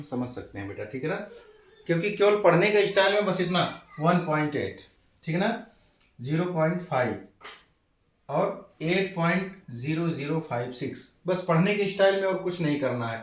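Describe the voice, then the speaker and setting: A man teaching a casual maths lesson to children, calling them beta, checking in often and slowing down to spell out numbers. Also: on the high side. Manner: calls students beta, keeps asking "theek hai na". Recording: echoey room.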